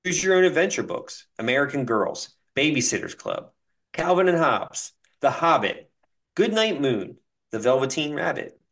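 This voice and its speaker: A man's voice: on the high side, big pitch swings, normal speed, gravelly, fairly bright tone. A man hosting a casual podcast, reading listener comments aloud and reeling off long lists with laughs. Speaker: podcast host.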